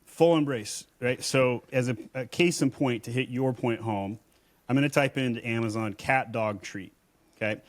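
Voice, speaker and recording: A man's voice: mid-range voice, normal speed. A man, an Amazon seller and agency owner, speaking as a guest in a casual podcast conversation in a blunt, emphatic way.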